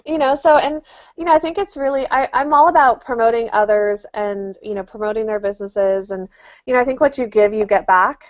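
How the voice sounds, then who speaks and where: A woman's voice: mid-range voice, dry recording, lo-fi sound. A woman guest on a casual video call interview, upbeat and chatty, saying "you know" a lot. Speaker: guest, affiliate marketer.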